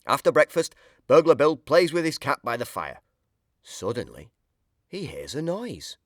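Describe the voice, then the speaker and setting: A man reading a children's picture book aloud in an expressive storytelling voice. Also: on the high side, measured pace, dry recording, clean studio sound. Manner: expressive, sing-song storytelling.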